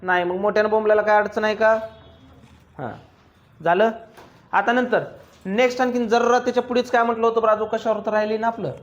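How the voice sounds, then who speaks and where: High-voiced teacher quizzing his class. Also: steady tone, highs cut off. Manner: drilling students with rapid questions, teasing. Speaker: commerce teacher. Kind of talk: classroom lecture with questions to students.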